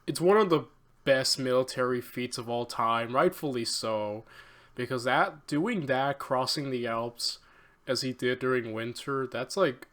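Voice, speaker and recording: A man hosting a reaction video, chatting excitedly with many fillers and laughs. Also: mid-range voice, a little slow. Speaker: reaction channel host. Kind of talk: casual reaction commentary.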